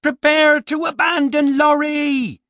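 Guy doing a bossy little gnome chief, high and husky, yelling orders. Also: huge pitch swings, normal speed, dry recording, clean studio sound, exaggerated voice. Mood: urgent. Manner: bold shouting orders. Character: commanding male gnome leader.

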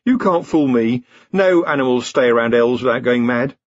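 A male narrator voicing a nervous, wry male wizard in an audiobook, talking in a chatty, evasive way with a husky voice. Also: mid-range voice, normal speed, no room sound, lightly acted. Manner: chatty, evasive and wryly anxious. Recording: slightly dull, muffled recording.

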